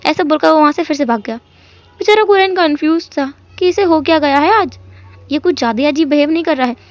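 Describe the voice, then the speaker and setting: A woman's voice: sits high, quick pace, no room sound. A woman narrating a fan fiction story in a chatty, emotional retelling style. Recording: dull lo-fi audio.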